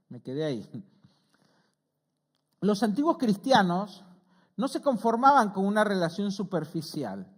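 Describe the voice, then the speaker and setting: A middle-aged man, a pastor preaching a conversational sermon who often checks in with his listeners and rises in pitch and volume when he quotes scripture. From Argentina. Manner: earnest, conversational preaching with frequent "¿sí?" check-ins.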